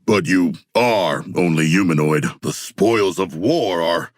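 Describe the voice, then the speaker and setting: A man voicing a hulking humanoid shark warrior for a video game, gravelly, with formal, grandiose, earnest delivery. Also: low voice, slow, dry recording, studio quality. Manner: formal, grandiose, stilted phrasing. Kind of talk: video game character dialogue.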